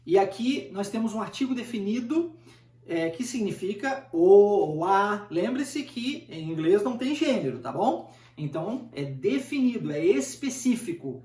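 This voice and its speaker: A man's voice: sits high, big pitch swings, unhurried, mellow. A man giving an informal English lesson, talking conversationally, repeating points and checking in with rhetorical questions. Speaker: English teacher. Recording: roomy, distant from the mic.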